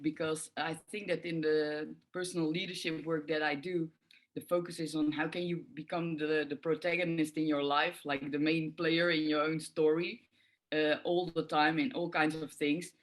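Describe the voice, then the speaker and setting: A middle-aged Dutch woman from the Netherlands gives reflective interview answers as a guest on forgiveness work, speaking thoughtfully with many filler sounds. Her voice is deep with little pitch movement, at a moderate pace.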